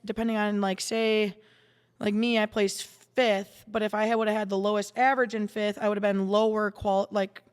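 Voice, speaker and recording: A woman's voice: mid-range voice, level tone, normal speed, clean tone, big-room sound. A woman guest in a podcast studio telling stories in casual chat, rambling with many restarts and fillers. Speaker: guest, salon owner and darts player.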